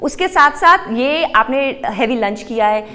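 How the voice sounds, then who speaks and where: Woman, wellness coach, high voice, explains exercise, switches to English often, long reverb. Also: expressive, a little slow, sharp tone. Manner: mixes English into explanations, counts out moves.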